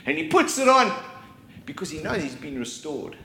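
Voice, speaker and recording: Impassioned pastor, high and lively. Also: male voice, creaky, reverberant, slight background noise. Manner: impassioned, rising and falling delivery with dramatic pauses. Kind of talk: sermon.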